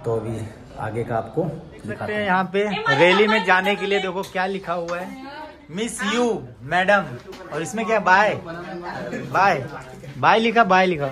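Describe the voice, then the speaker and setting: A man vlogs excitedly in a crowd, his fairly high voice carrying a Mumbai Hindi accent as he urges things along in a hurry. He chats casually while moving between an office building and a crowded street, filmed on a handheld phone camera with busy crowd noise behind him.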